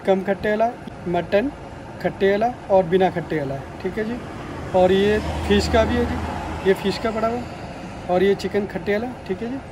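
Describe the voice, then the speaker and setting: Shop worker naming pickles amid noise. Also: mid-range voice. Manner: helpful, names each jar in turn. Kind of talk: casual product explanation.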